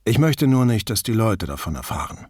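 A man reading an audiobook, voicing a reserved, evasive older beekeeper in a lower, quiet, guarded tone. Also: very animated, brisk, no echo, clean studio sound. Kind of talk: audiobook character voice.

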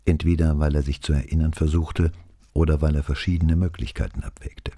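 A man narrating an audiobook with expressive storytelling, close to the mic. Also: extremely low pitch, brisk, dry recording. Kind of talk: scripted narration.

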